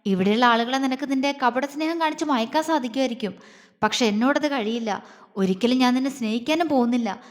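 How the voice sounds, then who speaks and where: A woman's voice: high voice, brisk, natural voice. A woman reading the part of an angry young husband in a romance audio story, speaking harshly and with contempt. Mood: scornful. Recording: long hall reverb.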